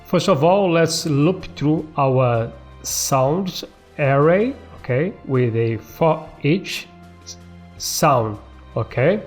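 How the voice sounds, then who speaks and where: Music plays behind a relaxed man hosting a casual screen-recorded coding tutorial, taking it one step at a time. He sounds a little high and expressive, frequently tossing in checks like "okay" and "all right."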